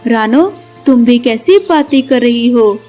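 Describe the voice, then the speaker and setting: A woman's voice: on the high side, lively intonation, slow, mellow, faint music behind, pitched below the performer's own voice. A woman voicing a loving young male sparrow husband in a cartoon, speaking in an affectionate, coaxing way.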